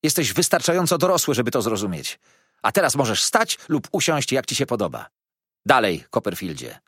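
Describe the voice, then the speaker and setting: A man's voice: mid-range voice, sing-song, normal speed, breathy edge, no echo, clean studio sound, pitched above the performer's own voice. A man voicing a meek male schoolteacher who has lost his patience, speaking in a raised, strained, pleading voice. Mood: exasperated.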